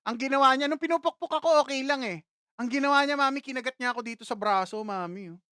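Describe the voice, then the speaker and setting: A man's voice: very high voice, quick pace, pushed and bright, smooth, no room sound, studio quality. A man hosting a casual livestream, telling a childhood story in a chatty way, laughing often and talking straight to his viewers. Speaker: livestream host.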